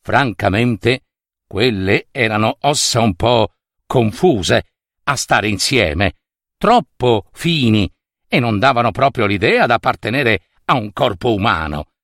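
A man from Italy narrating a fairy tale in a playful, expressive way. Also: medium pitch, slow pace, no echo, studio quality. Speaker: storyteller.

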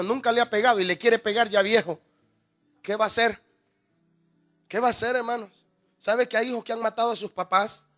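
Very high-voiced male preacher. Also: a bit bright. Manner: rhetorical questions, calls listeners "hermano", acts out scenes. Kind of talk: sermon.

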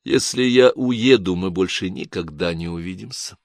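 A man's voice: deep voice, moderate pace, no room sound, studio quality. Man playing an earnest young judge. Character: earnest young male judge, upright and lovesick.

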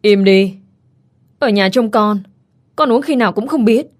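A woman's voice: mid-range voice, fairly quick, darkish tone, natural voice. Woman reading a harsh scornful father. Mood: angry.

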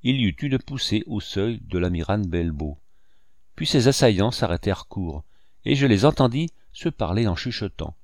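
A man reads a classic adventure novel aloud in a measured first-person storytelling voice. His voice sits on the lower side. The recording is close and dry, with no room echo. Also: darkish tone. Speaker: audiobook narrator. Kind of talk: scripted narration.

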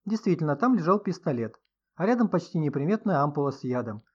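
A man narrating a mystery audiobook in a steady storytelling voice. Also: on the high side, quick pace, slightly rough, lo-fi sound. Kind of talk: scripted narration.

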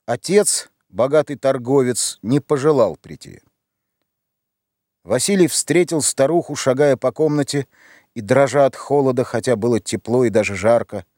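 A male reader narrating a literary story in a measured, somber way. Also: mid-range voice, animated, a little mellow, no echo, studio quality. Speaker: audiobook reader.

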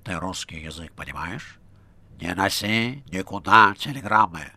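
A man's voice: sits low, animated, a little slow, sharp tone, dry recording, voice pushed down, full character voice. A man voicing a vile, menacing man with a nasal voice on the phone in an audiobook. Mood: sneering.

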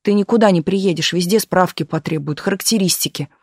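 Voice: mid-range voice, no echo, clean studio sound, lightly acted. A reader voicing an earnest, frightened young man who argues firmly and logically. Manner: firm, logical, sometimes hurried.

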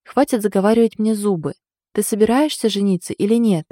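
A woman reading the part of an aunt who scolds her nephew with mock outrage but clear affection. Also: mid-range voice, a little fast, warm tone, no room sound, clean studio sound, pitched above the performer's own voice, lightly acted. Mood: fond scolding. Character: fussy fond older aunt, scolding yet loving.

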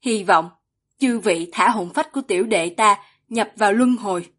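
A woman's voice: mid-range voice, normal speed, a bit bright, lightly acted. A woman voicing a composed, dignified young male clan heir in a fantasy audiobook. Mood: calm dignified.

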